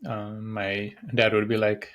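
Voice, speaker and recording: A man's voice: on the low side, monotone, slow pace, noisy background. A young man from Nepal hosting a solo podcast, talking casually and rambling with many fillers and restarts. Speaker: podcast host.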